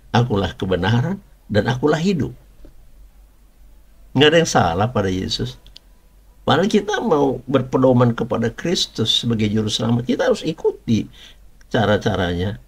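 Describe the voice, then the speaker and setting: Husky-voiced man preaching conversationally. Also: mid-range voice, darkish tone. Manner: conversational, rhetorical questions, emphatic repetition. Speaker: preacher giving a testimony. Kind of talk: sermon with personal testimony.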